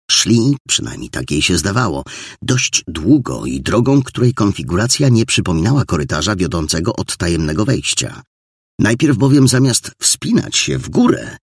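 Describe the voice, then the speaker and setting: A man's voice: low-pitched, husky, no room sound, clean studio sound. A man narrating an audiobook with dramatic storytelling. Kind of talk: scripted narration.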